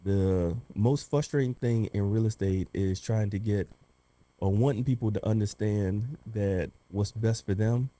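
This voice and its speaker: A man co-hosting a casual talk show. His voice is low and very dark. He jokes with his co-hosts, then lays out his points in earnest. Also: no echo. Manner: teasing, then earnest when explaining. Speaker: podcast host, real estate agent. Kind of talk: casual group chat.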